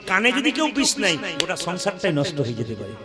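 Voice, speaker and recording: A man tells a sacred story in a devotional kirtan and keeps turning to exhort his listeners. His voice sits high for a man. Music plays throughout. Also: huge pitch swings, quick pace. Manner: exhorting the audience directly. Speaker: kirtan performer.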